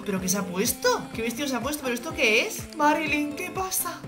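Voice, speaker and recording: A woman with a Spain Spanish accent giving excitable let's-play commentary, full of squealing exclamations. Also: high voice, quick pace. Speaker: gaming YouTuber. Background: game music.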